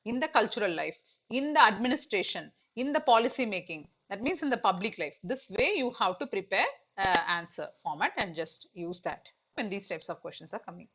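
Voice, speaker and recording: A woman's voice: medium pitch, lively intonation, fairly quick, a bit bright, breathy edge. A middle-aged woman teaching an online exam-prep lecture, explaining with many fillers and repeated "okay".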